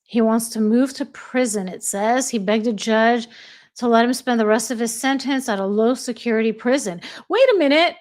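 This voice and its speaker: An American woman hosts a casual livestream, reading viewer comments aloud and laughing often as she chats. Her voice is fairly high-pitched with a darkish tone, at normal speed.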